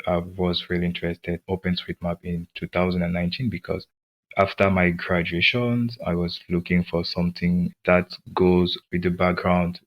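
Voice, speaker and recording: Deep flat-voiced man from Cameroon. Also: highs cut off. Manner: hesitant, many "uh" pauses and restarts. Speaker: guest. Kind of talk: interview answers.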